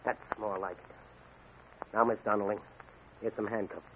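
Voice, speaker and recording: A man's voice: on the low side, steady tone, moderate pace, dull audio, natural voice. An actor playing a confident, commanding masked male crime-fighter in a 1940s radio drama. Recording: scratchy old radio recording.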